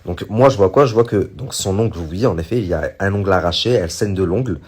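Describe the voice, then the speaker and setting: A man casually retelling a story to his viewers, rambling with many fillers and animated bursts when he quotes others. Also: low voice, fast, husky. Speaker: online commentator recounting a story.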